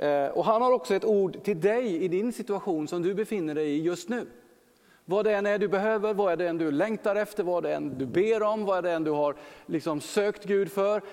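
High-voiced man preaching in a reverberant hall. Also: a little mellow. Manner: earnest, repeats phrases for emphasis, frequent fillers. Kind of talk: sermon on a Bible passage.

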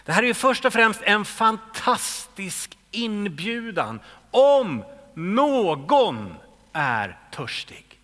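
Male pastor, high bright voice, sermon that swings from hushed to shouted, in a reverberant church hall. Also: sing-song. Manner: swings between hushed whispers and loud calls.

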